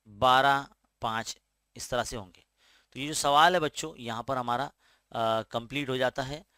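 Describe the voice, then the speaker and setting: In studio quality with no echo, a man teaches school maths step by step in an Indian Urdu-medium accent. His medium-pitched voice has a fairly bright tone, and he checks in patiently with students, frequently asking "है ना?".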